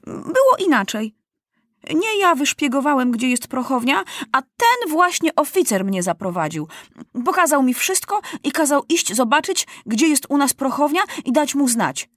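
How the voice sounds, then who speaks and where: A woman's voice: high-pitched, very animated, moderate pace, no echo, clean studio sound, voice pushed up. A woman voicing a brave, stubborn young boy soldier in a storybook reading, speaking out defiantly. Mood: bold. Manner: shouting defiantly.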